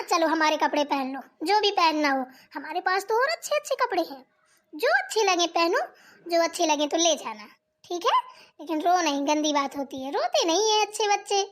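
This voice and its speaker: A woman's voice: very high voice, expressive, fairly quick, a bit bright. A woman voicing a motherly young sister-in-law in a cartoon, coaxing and soothing as if speaking to a child. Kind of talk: cartoon voice acting.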